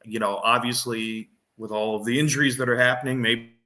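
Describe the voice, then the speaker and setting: A man's voice: medium pitch, steady tone, a little fast, sharp tone. A man co-hosting a fantasy football podcast, explaining his reasoning in casual chat and thinking aloud with frequent restarts and fillers.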